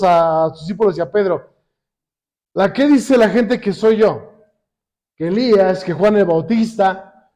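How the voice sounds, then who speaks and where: Guy with a higher voice teaching a church class, keeps asking the brothers to fill in the words, slows down for scripture. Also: warm tone. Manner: constantly quizzes the congregation with call-and-response questions; slows down when quoting scripture. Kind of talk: sermon-style Bible lesson.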